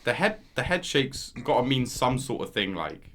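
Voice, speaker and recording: A man's voice: mid-range voice, sing-song, normal speed, a bit bright. A man co-hosting a podcast in casual chat, blunt and laid-back with slangy wording. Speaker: podcast co-host.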